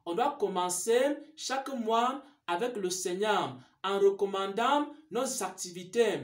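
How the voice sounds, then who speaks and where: Slow, echoing church announcement voice. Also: mid-range voice. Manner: repetitive, rhetorical questions and answers. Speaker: church minister. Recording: roomy echo.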